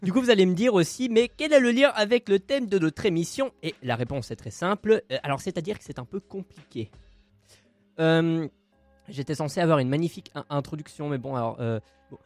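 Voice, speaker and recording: A man co-hosts a casual podcast, leaning into a playful, theatrical delivery. His voice sits fairly high, and the recording is dry and close, with faint music underneath. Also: fairly quick, a little mellow, no echo. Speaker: podcast co-host presenting a segment.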